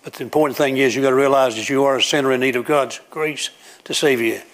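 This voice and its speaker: Preacher guy telling homey stories to his congregation, acts out little scenes, normal pitch. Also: fairly even intonation, fast. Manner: folksy storytelling, acting out everyday scenes. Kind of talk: sermon. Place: church room with a congregation.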